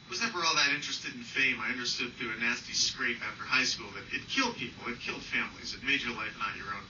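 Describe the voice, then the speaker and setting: Here the same kind of live reading comes fast: a medium-pitched male author delivering a personal essay with wry self-deprecation. The distant indoor microphone yields a noisy, muffled, roomy sound.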